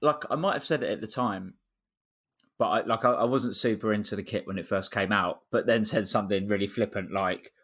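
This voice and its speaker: A man's voice: on the low side, fairly quick, a bit bright. A man co-hosting a football fan podcast, easygoing and chatty, retelling stories with quoted asides. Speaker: podcast co-host. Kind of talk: casual fan chat.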